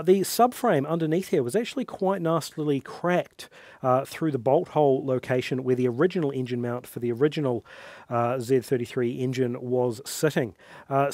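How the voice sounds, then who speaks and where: A man, hosting a casual company update in a relaxed way, with lots of "uh" fillers, on a headset mic. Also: mid-range voice, no echo. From New Zealand. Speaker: host. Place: studio workshop set, then at a desk.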